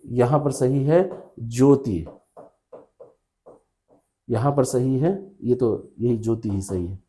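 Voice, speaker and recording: A man's voice: mid-range voice, dark tone. A man teaching Hindi spelling in an exam coaching lecture, explaining step by step, asking rhetorical questions and often checking with "है ना".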